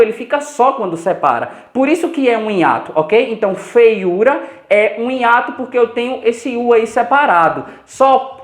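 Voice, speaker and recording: A woman with a Brazilian Portuguese accent teaching an exam-prep grammar lesson, posing students' questions to herself and slowing down to spell out example words. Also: a little high, roomy sound. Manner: didactic, asks herself students' questions and answers them.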